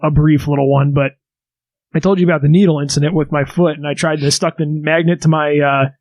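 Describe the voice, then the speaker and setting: A man's voice: a little high, steady tone, fast talker, a little mellow, dry recording. A man co-hosting a casual sauce-tasting podcast, who swears freely and laughs often. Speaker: podcast co-host.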